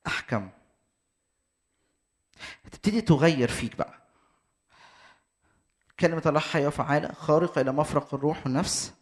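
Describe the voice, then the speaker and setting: A man with an Egyptian Arabic accent preaching a teaching sermon, explaining step by step and restating his points to be precise. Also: fairly high pitch.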